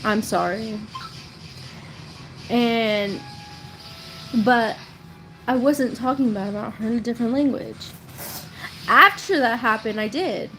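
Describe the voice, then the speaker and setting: Her voice is on the high side with a fairly bright tone, captured in a low-quality recording with a bit of hiss or hum. A woman in her thirties and a storytelling creator, she rambles through chatty stories of her past on a casual live stream, regularly bursting into laughs.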